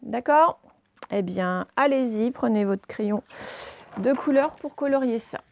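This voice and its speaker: A woman teaches young children to read, spelling out letters one by one and checking in often. Her voice sits a little high. The recording is close and dry, with no room sound. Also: lively intonation, measured pace, gravelly, a little mellow, no room sound. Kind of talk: reading lesson for children.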